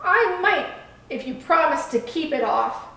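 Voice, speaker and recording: A woman's voice: high-pitched, expressive, a little slow, vocal fry, sharp tone, exaggerated voice. A woman voicing a sneering mean speedboat. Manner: sneering and rude. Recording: echoey room from far off.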